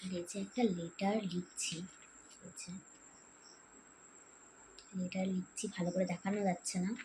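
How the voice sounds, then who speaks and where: A young woman vlogging quietly at home at night, speaking in a hushed voice and sometimes whispering. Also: on the low side, flat delivery, slight background noise, rough recording. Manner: talks softly and hushed, dropping to whispers; slow reading of her letter aloud, louder. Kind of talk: quiet night-time vlog chat.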